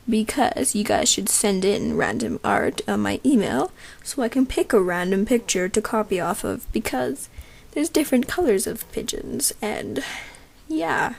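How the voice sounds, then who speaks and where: A woman describes the roles she wants voiced in a loose, rambling way, padding her sentences with fillers. Her voice carries a gravelly, creaky edge. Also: mid-range voice. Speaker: show creator holding voice auditions. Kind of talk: casual casting call.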